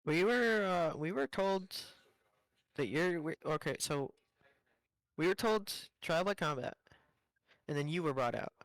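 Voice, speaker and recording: A man's voice: on the high side, expressive, unhurried, pauses often, a bit bright, no echo, poor audio. A man playing a tabletop game, talking casually with fillers and restarts. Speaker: player.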